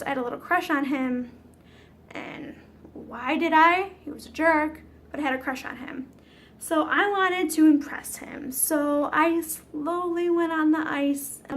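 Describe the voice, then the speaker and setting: High-pitched woman vlogger, casual storyteller, dramatic and foul-mouthed. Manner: chatty, dramatic, swears freely.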